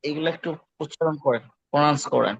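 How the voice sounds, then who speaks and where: A male English teacher with a slightly high, gravelly, husky voice runs through an online pronunciation drill at a quick pace, patiently repeating words for students. The recording has no room sound and comes through as dull, lo-fi call audio.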